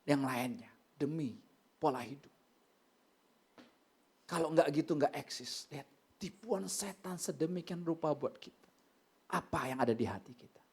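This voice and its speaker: A middle-aged male pastor preaching a sermon in a casual, emphatic way, swinging from loud to quiet. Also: a little high, normal speed, long pauses, breathy edge. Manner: emphatic, colloquial preaching with wide swings in loudness.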